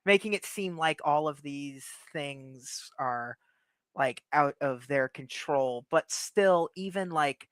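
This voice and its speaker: A man's voice: on the high side, takes it slowly, fairly bright tone, clean tone, no echo. A young man co-hosting a podcast, chatting animatedly, laughing often and swearing casually. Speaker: podcast co-host. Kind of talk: casual chat.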